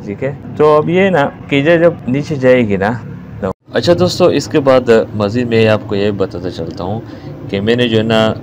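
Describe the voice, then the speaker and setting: A man's voice: mid-range voice, normal speed, a little mellow, a little hiss or hum. A man with a Pakistani Urdu accent giving a hands-on repair tutorial, explaining each step and repeating key words as he works. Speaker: repair technician.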